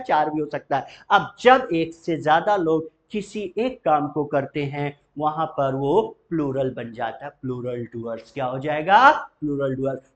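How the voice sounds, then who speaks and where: A man's voice: a little high, lo-fi sound. A man teaching a spoken English lesson, drawing out model sentences and quizzing the listener with repeated questions.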